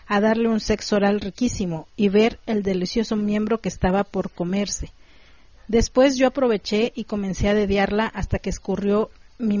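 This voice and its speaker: A woman reading a first-person adult story in a steady, measured way. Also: medium pitch, no echo. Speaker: story narrator. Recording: dull, dry close recording.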